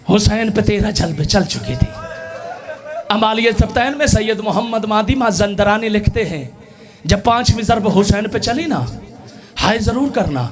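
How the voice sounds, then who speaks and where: Guy giving a mourning sermon, really high voice, keeps breaking into shouted wailing. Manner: lamenting, builds to shouted wailing. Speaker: religious orator. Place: religious gathering.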